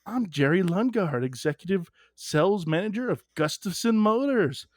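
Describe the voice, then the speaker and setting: A man's voice: high-pitched, lively intonation, normal speed, no room sound, studio quality, voice pushed up. A man putting on a put-on Upper Midwest accent to play a flustered, folksy middle-aged car salesman who stammers over his lines. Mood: folksy salesy.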